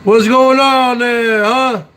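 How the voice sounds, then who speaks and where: A man in his forties hosts his own YouTube show, chatting casually and alone to viewers in a brash, boastful manner, ending lines with "huh?". His voice is very high and slightly bright, with fairly even intonation and a slow pace.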